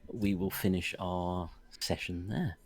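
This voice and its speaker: A man narrating as game master of a tabletop game, halting and casual. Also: low voice, fairly even intonation, darkish tone, breathy edge.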